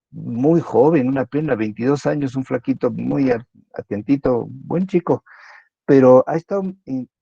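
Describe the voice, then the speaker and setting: A man's voice: mid-range voice, gravelly, warm tone, no room sound. A man giving a university lecture in a chatty way, often ending sentences with a question. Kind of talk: online class lecture. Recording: dull lo-fi recording.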